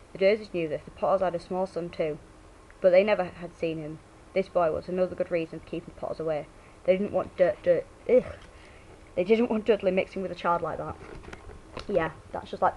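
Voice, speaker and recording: A woman's voice: on the low side, darkish tone, a little hiss or hum, rough recording. A woman with a Yorkshire accent, speaking informally as she gives a read-aloud sample of her accent. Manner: informal, drops the word "the". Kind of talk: reading a book aloud as an accent sample, with casual asides.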